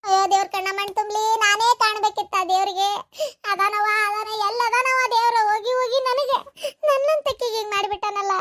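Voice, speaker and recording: A woman with a North Karnataka Kannada accent voicing a dramatic old village mother-in-law who wails and shouts for help in a comedy skit. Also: steady tone, brisk, dry recording, studio quality. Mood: lamenting. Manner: shrill crying wails and shouted calls for help.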